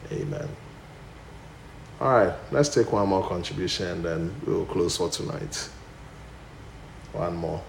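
A man's voice: deep voice, measured pace, gravelly, pauses often, a little hiss or hum. A man preaching and teaching a group, emphatically repeating short phrases. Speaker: preacher leading a Bible study. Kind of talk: interactive sermon, teaching. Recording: echoey room.

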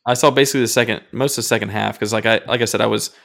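A man in casual sports chat on a podcast, telling a game story with lively swearing and acting out his own reactions. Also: on the low side, very fast, gravelly. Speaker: podcast co-host, football fan.

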